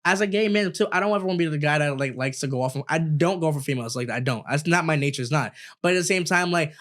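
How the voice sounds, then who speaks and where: Animated, fairly high-voiced young man telling stories. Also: fast. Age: 20s. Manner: animated, swears a lot, acts out quoted voices. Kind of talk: casual storytelling chat. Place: recording studio.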